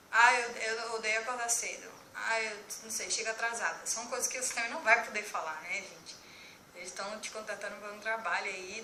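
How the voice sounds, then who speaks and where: A young woman chatting casually about her job interview, fast and tripping over her words now and then. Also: mid-range voice, pushed and bright, reverberant, slight background noise. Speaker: vlogger giving job interview tips. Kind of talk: casual chat.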